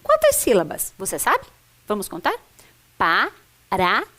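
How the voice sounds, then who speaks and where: A woman's voice: a little high, sing-song, moderate pace. A woman teacher giving a recorded literacy lesson for adults, sounding out words syllable by syllable in an encouraging way. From Brazil.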